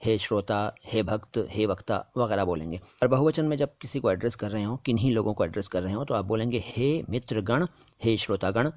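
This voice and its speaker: A man hosting a language lesson, patiently explaining how words are pronounced and slowly repeating them for emphasis. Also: lowish voice, darkish tone, no echo, dull audio. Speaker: language teacher, channel host. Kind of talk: explaining word pronunciation to viewers.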